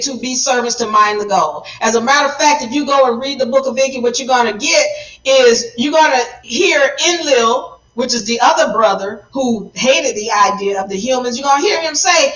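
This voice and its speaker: The recording is muffled, with a distant phone mic and an echoey room, capturing a woman's high-pitched, slightly bright voice. As a livestream host delivering commentary, she lectures emphatically to explain her point, changing her speed to stress things.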